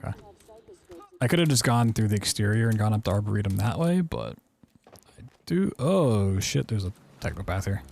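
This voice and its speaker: A man's voice: fairly low pitch, animated, moderate pace, gravelly, long pauses, a little mellow. A man giving casual speedrun commentary, informally thinking aloud as he plays. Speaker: speedrunner, game streamer.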